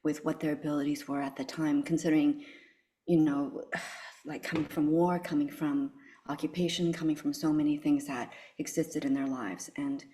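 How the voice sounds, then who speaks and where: A woman playwright who grew up in Canada, speaking in a podcast interview in a thoughtful, halting way with many fillers. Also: low voice, steady tone, dark tone, slight background noise. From born in Korea, grew up in Canada. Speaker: playwright and actress, guest.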